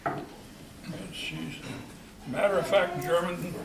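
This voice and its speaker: An older man telling unhurried, folksy stories about building a church, with small restarts as he speaks at a church event. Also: sits high, crowd noise. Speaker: charter church member. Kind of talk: reminiscing speech at a church event. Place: church hall. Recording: echoey hall, distant mic, noisy.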